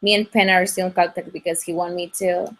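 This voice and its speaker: A young woman from Ecuador, speaking in a halting way with many restarts and fillers during a casual video-call interview. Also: fairly low pitch, level tone, a bit bright. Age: young adult. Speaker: guest singer.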